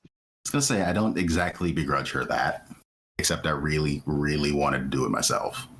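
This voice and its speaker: A man on a gaming podcast, talking in an expressive, earnest way. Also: extremely low pitch, fairly quick, slightly rough. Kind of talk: casual podcast chat.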